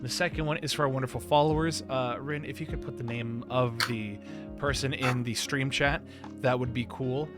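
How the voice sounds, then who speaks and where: A man's voice: mid-range voice, fairly even intonation, moderate pace, music in the background. A man hosting a livestream, chatting casually in a rambling, self-interrupting way. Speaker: stream show host.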